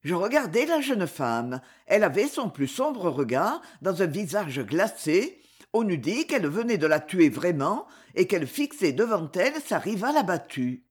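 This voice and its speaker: An expressive audiobook narrator reading a literary novel. The voice is slightly husky, and the pitch moves in wide, lively contours. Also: normal speed.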